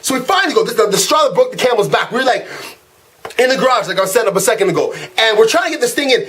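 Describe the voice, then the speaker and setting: A man hosting his own channel, delivering a comedic, profane rant monologue in an animated way. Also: extremely high pitch. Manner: fast-talking, animated and profane. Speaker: channel host.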